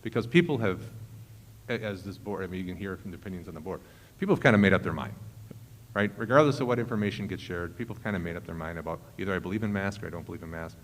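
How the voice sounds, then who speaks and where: Low-voiced man in an echoey hall. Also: rapid-fire. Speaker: school official advising the board. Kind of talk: meeting discussion. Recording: echoey hall with faint noise.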